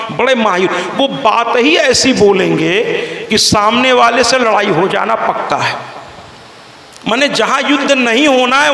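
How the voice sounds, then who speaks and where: A male religious storyteller giving a devotional scripture discourse in lively tones, acting out the voices of the people in his stories. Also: very high-pitched, slight background noise. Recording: echoey hall with long reverb.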